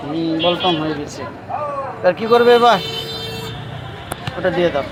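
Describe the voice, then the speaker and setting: A woman's voice: lowish voice, lively intonation, normal speed, crowd noise. A woman from West Bengal filming her children for a casual family vlog, coaxing them along with short, repeated commands. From West Bengal, India. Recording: noisy phone recording.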